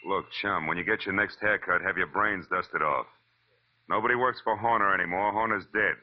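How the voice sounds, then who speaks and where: A man's voice: low voice, normal speed, natural voice. A man acting a hard-boiled private detective in a 1940s radio noir, wry, sardonic and slangy, in both dialogue and narration. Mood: sardonic defiance. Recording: muffled, very noisy old radio recording.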